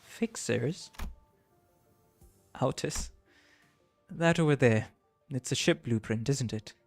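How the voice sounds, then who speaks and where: A man's voice: mid-range voice, slow, vocal fry, faint music behind. A man livestreaming a game, chatting casually and reading the dialogue aloud, laughing often and tripping over words.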